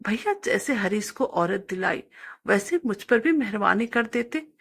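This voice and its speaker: Woman doing a meek young village son, soft and yielding, slightly raised, gravelly edge, storybook. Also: medium pitch, animated, unhurried. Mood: pleading.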